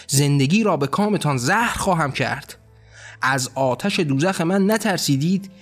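A man voicing a wrathful, ranting male god who bellows scornful tirades in a storybook reading. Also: a little high.

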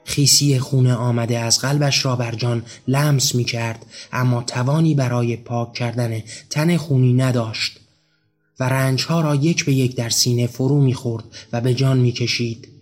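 A man reading a story aloud in a measured, grave narration style. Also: mid-range voice, steady tone, a little mellow. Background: faint background music.

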